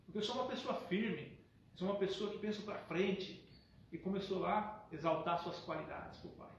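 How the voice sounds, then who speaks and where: A man giving a spiritist lecture, telling a story and acting out the dialogue between a calm father and a pleading son. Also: high-pitched, normal speed, creaky. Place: spiritist center hall. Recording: echoey hall, distant lo-fi mic, faint hiss.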